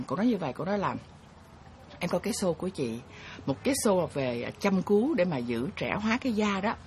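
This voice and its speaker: A woman's voice: low voice, a little hiss or hum. A woman hosting her own show, telling viewers a story in an earnest, chatty way and referring to herself by name. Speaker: host. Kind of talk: casual storytelling talk to viewers.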